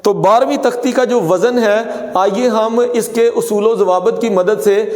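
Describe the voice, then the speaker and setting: A man teaching a pronunciation lesson, saying words slowly and contrasting wrong and right forms. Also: high-pitched, a little mellow. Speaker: Urdu teacher. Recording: echoey room with long reverb.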